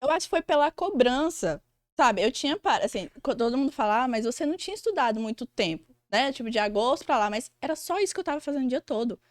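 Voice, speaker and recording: Fast, high-voiced woman telling stories. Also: no echo. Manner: lively, laughs often while telling stories. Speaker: podcast guest, exam mentor and law teacher. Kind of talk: casual storytelling interview.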